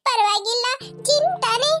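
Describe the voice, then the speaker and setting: A woman's voice: very high-pitched, moderate pace, sharp tone. A woman voicing a small, tender-hearted cartoon youngster who pleads and chants spells to call a jinn. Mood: sad. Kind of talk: cartoon voice acting. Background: children's music.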